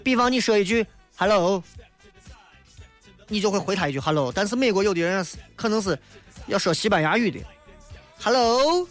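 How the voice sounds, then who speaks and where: A man's voice: high-pitched, animated, brisk, long pauses, a bit bright, soft background music. A man with a Shaanxi dialect accent hosting a comic talk radio show, delivering a wry, joking monologue that mocks common misconceptions. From Shaanxi, China.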